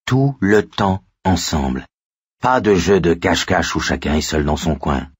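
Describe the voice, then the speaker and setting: Man doing a gruff, kindly old cop. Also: low voice, very animated, unhurried, no echo, clean studio sound, heavily acted. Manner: gruff, fatherly.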